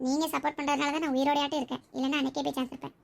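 Soft, resigned young wife, as a woman plays her. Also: high-pitched, little pitch movement, very fast, vocal fry. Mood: sad. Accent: Tirunelveli Tamil. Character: sad, patient young wife.

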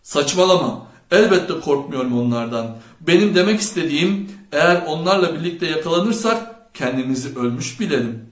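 A man's voice: fairly high pitch, animated, normal speed, few pauses, lightly acted. A man voicing a nervous, rule-abiding teenage schoolboy in an audiobook, anxious and indignant. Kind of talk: audiobook character voice. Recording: roomy echo.

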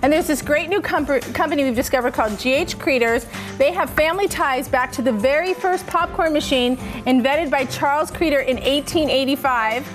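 An American woman presents an upbeat morning TV product segment. Her voice is very high, with faint music underneath. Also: brisk, poor audio. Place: TV studio.

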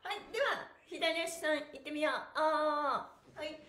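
A middle-aged woman leads a stretching session from a mat in a small, plain indoor room, also hosting a livestream. Her high-pitched voice is cheerful and animated as she speaks unhurriedly, using very polite honorific wording, counted chants, chatty asides, and frequent chuckles. The recording has a roomy echo and faint music.

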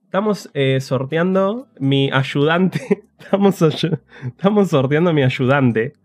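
A man's voice: fairly high pitch, slow, no room sound. Man, Rioplatense accent, livestream gamer, playful banter, dry booth sound. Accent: Rioplatense Spanish. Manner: joking, chatty, addresses chat often. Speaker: streamer. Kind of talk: casual livestream gameplay commentary.

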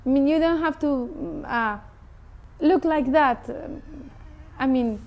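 A middle-aged Mexican woman with a Mexican Spanish accent appears as an interview guest on an indoor TV studio set, earnestly and feelingly sharing her own story as personal testimony. Her voice sits high and moves slowly, and the lapel-mic recording has its highs cut off.

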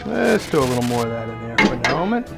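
A man's voice: mid-range voice, big pitch swings, fast, vocal fry. A middle-aged man from Massachusetts with a local accent, explaining each cooking step in a chatty, casual way and laughing at himself now and then. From Massachusetts, USA. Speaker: host cooking for dinner guests. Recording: music playing behind the voice.

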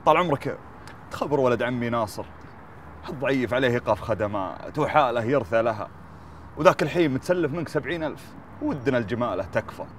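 A man playing a pleading, excitable Bedouin favour-seeker in sketch comedy, with a Gulf Bedouin Arabic accent. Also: medium pitch, fast, far from the mic, slight background noise, natural voice.

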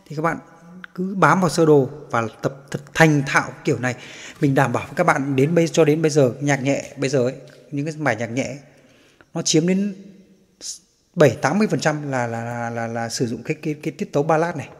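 A man's voice: on the high side, fast talker, long reverb tail. A man giving a casual guitar lesson, patiently chanting the strum directions aloud. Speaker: guitar teacher.

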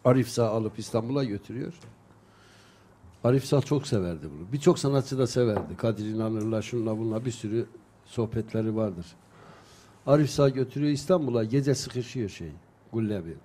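A man's voice: medium pitch, brisk, warm tone. A man chatting in a local TV studio, telling anecdotes in a casual, storytelling way. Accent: Turkish. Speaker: local TV commentator.

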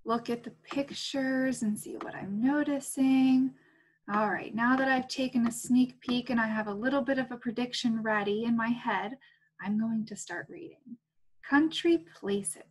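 A woman teaching a first grade class, reading a picture book aloud in a playful, gentle way and making animal sounds. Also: fairly high pitch, steady tone, moderate pace. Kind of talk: read-aloud lesson for young children. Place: home.

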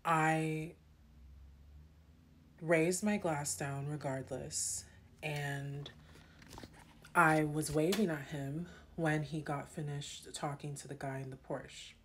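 A young woman telling a personal story in a casual, animated way, with many fillers. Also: low-pitched, slow, pauses often, a little hiss or hum.

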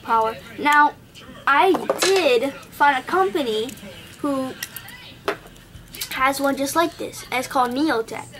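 A young woman with an Indian accent takes it slowly in a high voice as she reviews a gadget at her home desk. The unboxing vlog is casual, full of thinking aloud and self-corrections, and recorded noisily on a home camera.

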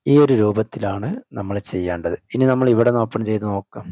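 Low, dark-voiced man explaining steps. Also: fast. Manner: step-by-step, repetitive, asks and answers his own questions. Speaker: tutorial vlogger. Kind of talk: screen-recorded how-to walkthrough.

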